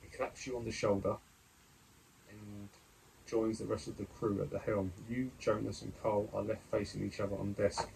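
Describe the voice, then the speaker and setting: A man's voice: fairly low pitch, level tone, moderate pace, creaky, a little mellow, slight background noise, low-quality recording. A man reading an adventure gamebook aloud as he plays, muttering over his dice rolls and choices with hesitant fillers. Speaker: gamebook player and reader.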